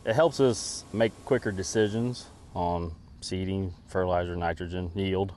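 Low-voiced matter-of-fact farmer. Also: male voice, fairly even intonation, moderate pace, a little mellow, slight background noise. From United States. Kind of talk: on-camera interview.

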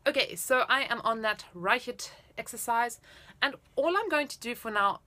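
A woman's voice: on the high side, moderate pace, sharp tone. A woman in her thirties giving casual, explanatory and encouraging music instruction to camera. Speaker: flute teacher. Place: indoors, small room at home.

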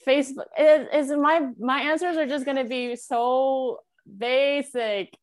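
A woman's voice: high voice, steady tone, a little slow, dry recording, studio quality. A young woman, a podcast guest, chatting casually with many hesitations and laughs. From United States.

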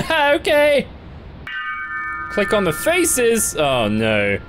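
A young man in his twenties streams a horror game from a small dark room on a headset mic, joking, reading on-screen text aloud, and laughing and yelping at the scares. His high voice swoops wildly in pitch and moves very slowly, with a noisy background.

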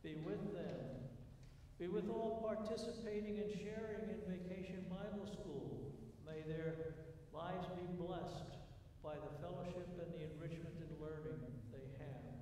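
A man leading liturgical prayers in a measured, intoned way, his voice ringing with a cathedral-like echo in a large church sanctuary. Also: high voice, mellow. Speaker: worship leader. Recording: roomy church echo from far off, faint noise.

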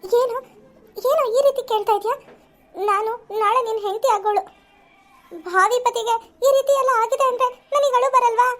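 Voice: very high-pitched, moderate pace, pauses often, fairly bright tone. Someone voicing a whiny young cartoon bride-to-be. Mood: fussing. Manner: whiny, weepy, possessive. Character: fretful young woman, Bharat's bride-to-be.

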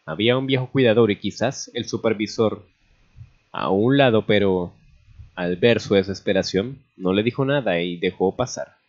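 Low-voiced man reading a story. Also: normal speed. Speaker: narrator. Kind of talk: reading a fan story aloud. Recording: dull lo-fi recording.

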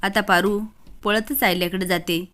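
A woman's voice: mid-range voice, fairly even intonation, moderate pace, fairly bright tone. Woman retelling a serial episode. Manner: plain retelling, voicing each character lightly. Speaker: serial recap narrator. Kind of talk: storytelling episode recap.

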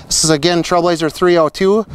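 A man's voice: sits high, fairly even intonation, brisk, smooth, rough recording. A middle-aged man, a product manager, explaining a demonstration step by step in an upbeat way, recorded outdoors on a paved lot with a clip-on mic. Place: outdoor paved lot beside open fields. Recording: outdoor recording with loud engine noise. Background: running generator engine.

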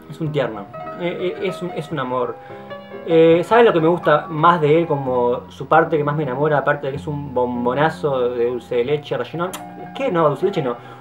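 The audio is dull on this casual to-camera monologue by a male vlogger in his twenties with a Rioplatense Spanish accent. He speaks very rapidly, stumbling into restarts and repeated words, full of playful enthusiasm, and often slips into low, soft asides over faint guitar music.

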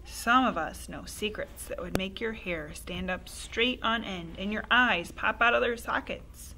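A woman's voice: mid-range voice, measured pace, sharp tone, a little hiss or hum. A woman reading aloud and voicing a sinister old grandmother who seems to be a witch, relishing and wheedling by turns. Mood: throaty whisper. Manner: relishing, wheedling, then throaty whispering.

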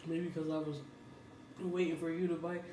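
An American woman chats casually from a distance as a companion on an eating video. Her voice echoes in the room, and there is clear noise around it. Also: low-pitched, little pitch movement, normal speed. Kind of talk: casual chat.

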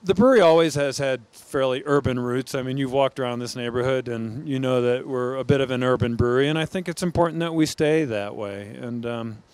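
Middle-aged american guy talking into a handheld mic on a brewery floor, smooth clear voice, restarts a lot. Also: medium pitch, a little fast, few pauses, no echo. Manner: thoughtful, with frequent restarts. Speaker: brewery founder. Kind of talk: on-camera interview. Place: large brewery floor among steel tanks.

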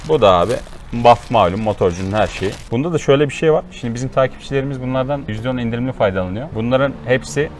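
A vlog host demonstrates motorcycle gear hands-on, casually explaining and giving instructions as he chats. His medium-pitched voice moves quickly with few pauses, and clear ambient noise sits behind it.

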